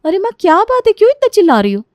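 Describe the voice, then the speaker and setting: A woman's voice: very high-pitched, big pitch swings, rapid-fire, dry recording, voice pushed up. A woman voicing a stubborn, chatty young woman in a cartoon story. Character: stubborn young woman, picky about in-laws.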